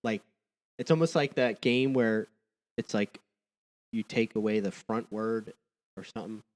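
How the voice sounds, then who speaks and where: A woman's voice: rumbling low, a little slow, a little mellow. A woman co-hosting a podcast, playful and joking, with slangy casual talk. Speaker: podcast co-host. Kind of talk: casual chat.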